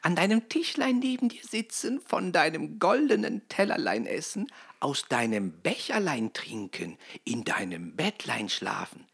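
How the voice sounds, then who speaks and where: A woman voicing a male frog in a well in a fairy tale, speaking slowly and coaxingly as he bargains. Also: sing-song, exaggerated voice. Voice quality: deep and gravelly.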